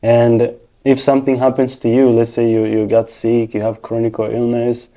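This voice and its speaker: At a normal speed and in a monotone, a Rwandan man with a dark, medium-pitched voice gives casual interview answers. He's a technician and financial professional who explains patiently, going through his points one by one.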